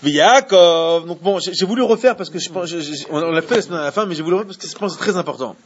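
Homme enseignant animé à la voix aiguë. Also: male voice, high-pitched, rapid-fire, muffled recording, a little hiss or hum. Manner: animated, asks the class questions. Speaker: Torah teacher. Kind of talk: Torah class.

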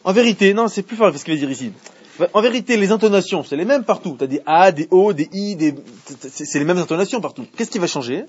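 A man's voice: high-pitched, lively intonation, quick pace, husky. A man teaching a Torah class to students, often asking them questions and repeating himself as he explains. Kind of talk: Torah class in French with Hebrew readings. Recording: muffled lo-fi classroom recording.

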